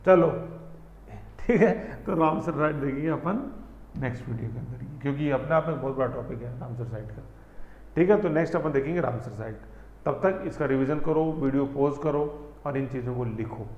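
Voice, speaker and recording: A man's voice: medium pitch, darkish tone. Man teaching in an echoey room. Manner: conversational, checks in constantly with "thik hai"; spells out pronunciation slowly, syllable by syllable. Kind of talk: exam-prep current affairs lesson. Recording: echoey, dull lo-fi room recording.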